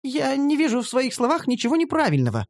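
Prim, offended elf maiden of noble blood, as a man reads her, high-pitched and formal, swoops in pitch, dry close audio. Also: huge pitch swings, fast talker, no room sound, full character voice. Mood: indignant. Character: haughty young noble elf woman, enslaved and indignant. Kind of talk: audiobook character voicing.

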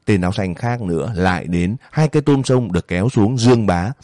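Brief: male audiobook narrator, low mellow voice, measured pacing, dry close mic. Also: dry recording. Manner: steady, measured storytelling. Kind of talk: scripted narration of a war novel.

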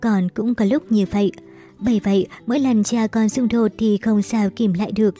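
A woman's voice: medium pitch, steady tone, normal speed, dark tone, faint music behind, lightly acted. A woman voicing a frail, sickly older mother who pleads with her son, short of breath, in a storybook reading. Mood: tender.

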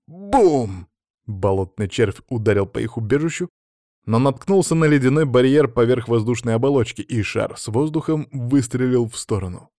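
A man reads an adventure audiobook in a steady, measured way at a middle pitch. The sound is close and dry, with no room around it. His telling is even and controlled. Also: no room sound. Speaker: audiobook narrator. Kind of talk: scripted narration.

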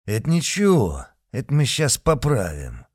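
A man voicing a coarse, aggressive male brawler who shouts threats in an audiobook. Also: mid-range voice, huge pitch swings, a little slow, pitched above the performer's own voice, heavily acted. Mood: menacing. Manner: loud, rough, threatening.

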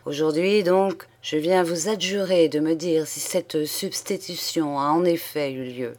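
A woman's voice: sits low, a little mellow. A woman reading a dignified young viscount. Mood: earnest. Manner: clear, measured, composed. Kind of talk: audiobook character reading.

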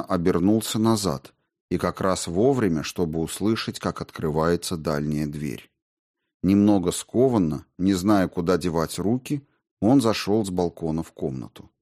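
Low-voiced male audiobook narrator. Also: a little mellow. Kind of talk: scripted narration.

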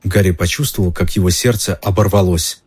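Low husky male audiobook narrator. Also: steady tone, a little fast, a little mellow. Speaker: audiobook reader. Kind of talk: reading a novel aloud.

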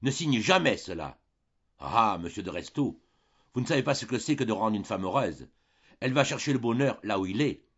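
A man's voice: medium pitch, creaky, slightly rough, voice pushed up, heavily acted. A man voicing an anguished aging father, blustering and passionate, in a dull lo-fi recording.

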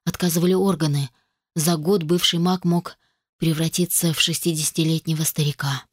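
A woman narrating a story aloud, measured and even. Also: low-pitched, slightly rough, dry recording, studio quality. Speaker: audiobook narrator. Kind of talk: scripted narration.

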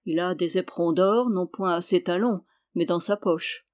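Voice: medium pitch, moderate pace, close to an everyday voice. A reader voicing an impudent, mocking male dwarf jester in an audiobook, cheeky and teasing, speaking in riddles. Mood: sly. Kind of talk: audiobook character reading.

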